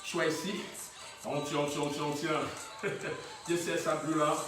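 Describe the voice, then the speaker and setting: Leading a workout class, a man with a slightly high, level voice delivers short encouraging cues at a moderate pace, laughing softly now and then. Faint music plays, and his voice sounds far away in a very echoey room.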